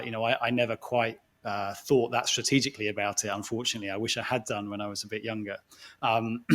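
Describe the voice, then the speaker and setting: A sports executive in his 40s speaks as a guest to a live audience in a conversational way. His voice is low and even-toned, and he comes across as reflective and hesitant, often restarting phrases.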